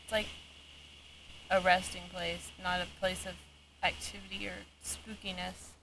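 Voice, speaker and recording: A woman's voice: on the low side, flat delivery, measured pace, bright, forceful tone. Woman chatting reflectively, noisy outdoor recording. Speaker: vlog host, paranormal investigator. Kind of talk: casual reflective chat. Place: outdoors in a cemetery.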